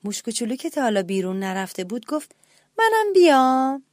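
A woman with a medium-pitched voice reads a children's story aloud, gentle and expressive, and talks directly to the children listening. The recording is dry and clean, with studio sound.

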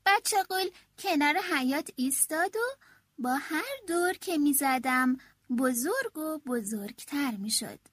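High, bright woman reading a children's story. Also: no room sound, clean studio sound. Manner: expressive, animated first-person telling.

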